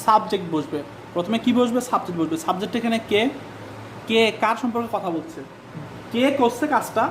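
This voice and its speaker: A teacher speaking who gives a patient grammar lesson, repeating key words, spelling them out slowly and asking rhetorical questions. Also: mid-range voice, a little hiss or hum. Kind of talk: classroom-style grammar lesson.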